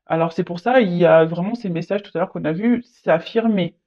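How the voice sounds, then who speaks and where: A tarot reader giving a casual reading, speaking haltingly, repeating words and adding frequent tag words. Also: medium pitch. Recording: dull lo-fi recording.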